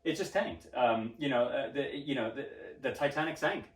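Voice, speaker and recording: Speaking at normal speed with a medium-pitched voice, a man delivers a pompous, self-important rant in a mock-serious interview, stammering as he restarts his sentences. The sound is roomy, as if picked up by a distant mic.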